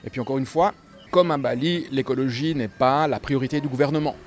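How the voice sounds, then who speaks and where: Emphatic Swiss-raised man, mid pitch. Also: fairly quick, faint music behind. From Switzerland. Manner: emphatic, piling up repeated points. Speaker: foundation founder, guest. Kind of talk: casual interview talk. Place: restaurant.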